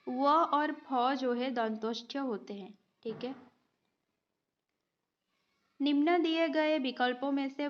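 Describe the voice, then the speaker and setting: In an exam-prep grammar lesson, a woman with a slightly high voice works slowly through multiple-choice questions. She patiently explains each step and checks in with students, often with a short "okay." The audio is dull and somewhat lo-fi.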